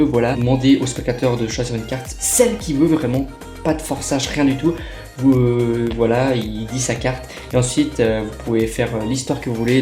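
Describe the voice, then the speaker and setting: A man's voice: medium pitch, darkish tone, echoey room. A young man chatting casually through a magic unboxing at his table, with lots of fillers and restarts, recorded on a camera on a tripod. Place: room at a table.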